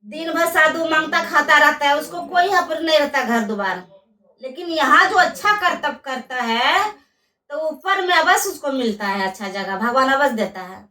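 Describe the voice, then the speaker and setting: A woman's voice: high-pitched, lively intonation, moderate pace, bright, forceful tone, reverberant, distant mic. A woman telling a devotional folk tale in a rustic, repetitive oral style. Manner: rustic, repetitive oral storytelling, acting out dialogue. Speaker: storyteller.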